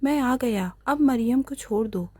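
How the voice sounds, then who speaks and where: A woman's voice: a little high, animated, a little slow, dark tone, no room sound. A woman voicing a protective young man who speaks with urgency. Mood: urgent. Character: brave young man rescuing his love.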